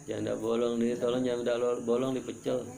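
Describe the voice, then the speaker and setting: A man preaching at an evening study gathering, animated and joking, with sudden jumps in pitch for emphasis. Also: normal speed, gravelly, a crowd in the background. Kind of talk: religious study sermon.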